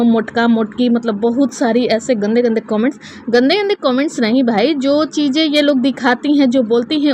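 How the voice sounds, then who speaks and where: A woman's voice: high voice, darkish tone, a little hiss or hum. A woman reaction vlogger in casual commentary, chatty and scolding, with many fillers and restarts.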